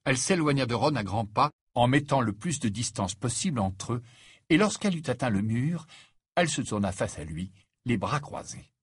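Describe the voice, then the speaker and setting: A man reading a storybook aloud, his voice husky and dry with lively, wide-ranging intonation. He narrates at a middling pitch and acts out each character. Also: normal speed, no echo. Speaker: audiobook reader.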